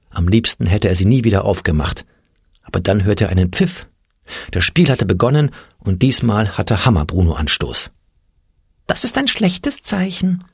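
A man with a lowish, slightly husky voice narrates a children's story, his pitch leaping around animatedly. The recording is dry and close, as from a studio booth. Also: no room sound. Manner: lively storytelling with voiced characters. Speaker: audiobook narrator.

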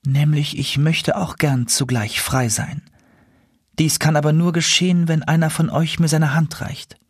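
A sorrowful princess trapped in an owl's body pleads softly in a raised, husky voice, as a man reading a fairy tale puts her on. She sounds lonely and earnest, close and dry on the mic. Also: fairly high pitch, fairly even intonation, unhurried, no echo, pitched above the performer's own voice. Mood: pleading. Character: enchanted princess turned owl, sorrowful.

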